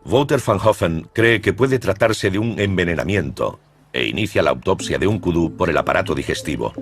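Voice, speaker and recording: A man narrating a nature documentary in a scripted, measured, suspenseful storytelling manner. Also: low-pitched, animated, husky, no room sound, faint music behind.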